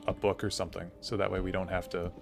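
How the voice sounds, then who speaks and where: A man's voice: low-pitched, flat delivery, quick pace, vocal fry, over music. A young man streaming a game live, chatting casually and thinking aloud with lots of "like" fillers as he answers chat. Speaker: gaming streamer.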